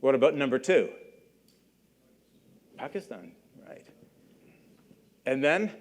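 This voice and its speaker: A middle-aged man from Canada gives a university lecture to a live audience. His delivery is loose and conversational, and he keeps asking the room questions and tagging his points with "right?". His voice sits at an ordinary middle pitch for a man. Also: sing-song, slow pace. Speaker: guest lecturer.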